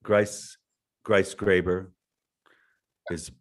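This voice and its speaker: A man's voice: low-pitched, level tone, extremely slow. A man hosting an interview, speaking hesitantly with many restarts. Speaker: show host. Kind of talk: casual interview chat.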